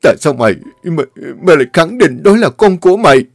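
A man voicing a stern, grief-stricken elderly father, scolding and shouting at his son. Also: a little high, animated, fast talker, no room sound, clean studio sound, faint music behind, voice pushed up. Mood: furious.

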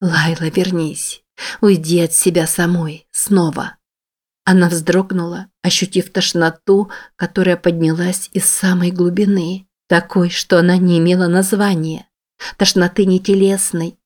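Woman reading low and steady. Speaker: audiobook reader. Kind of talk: scripted narration.

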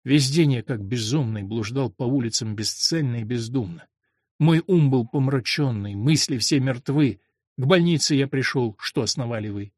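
A man's voice: fairly high pitch, lively intonation, measured pace, fairly bright tone, no echo, clean studio sound. A man reading a verse play aloud and voicing a servant torn between vengeance and love, in a declamatory manner. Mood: hushed remorse. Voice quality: husky, declamatory. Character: Ruy Blas, lovesick servant turned avenger, adult man.

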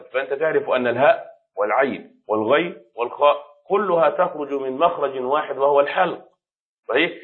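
A man, a sheikh, teaching a classroom lesson on rhetoric, patiently repeating key words and checking that the student follows. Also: on the high side. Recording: dull lo-fi recording.

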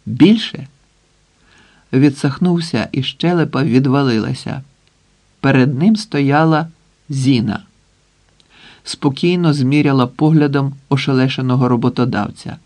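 A man reading a novel aloud as audiobook narrator, with measured, dramatic pacing. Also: medium pitch, a little mellow.

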